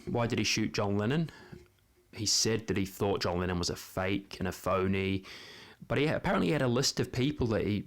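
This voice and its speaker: A man, talking through a casual monologue with lots of ums and restarts. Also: lowish voice. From New Zealand. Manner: hesitant, many ums and restarts. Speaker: vlogger.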